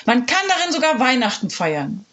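An earnest young schoolboy from a storybook, voiced by a woman reading aloud. His voice is lifted high and lively. He speaks sincerely and thoughtfully. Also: moderate pace.

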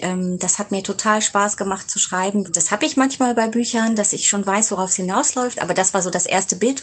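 A woman's voice: medium pitch, breathy edge. A woman author answering interview questions, thinking aloud as she goes.

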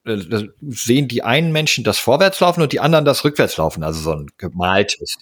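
Husky, lively male podcaster. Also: mid-range voice. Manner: quick, joking interjections. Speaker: podcast co-host. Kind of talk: casual podcast chat.

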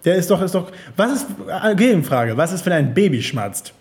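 A man's voice: high-pitched, big pitch swings, brisk. A man chatting casually on a podcast, rambling with restarts and frequent laughs. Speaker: podcast host.

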